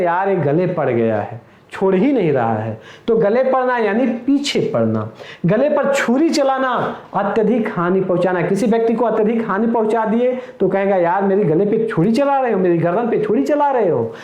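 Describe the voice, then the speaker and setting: A man's voice: high-pitched, a little mellow, reverberant, dull audio. A man teaching an exam-prep lesson, explaining each idiom with everyday example sentences and calling his viewers friends. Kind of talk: recorded lecture.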